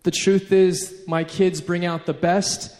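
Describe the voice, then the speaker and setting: A man's voice: high-pitched, level tone, slow pace, darkish tone. Earnest man speaking in a hall. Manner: earnest, with light self-mocking humor. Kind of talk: live faith talk with interpreter. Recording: long hall reverb.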